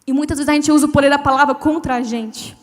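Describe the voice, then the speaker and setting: High-voiced woman preaching in reverb. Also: steady tone, fast. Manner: storytelling, acts out quoted dialogue. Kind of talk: humorous testimony sermon. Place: church event stage. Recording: church hall with long reverb.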